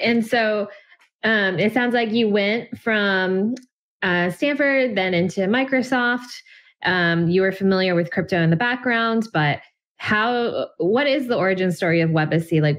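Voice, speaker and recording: A woman's voice: medium pitch, unhurried, highs cut off. A woman hosting an interview over a video call from a room at home, asking questions in a friendly, hesitant way with many fillers. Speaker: interview host. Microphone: video call webcam.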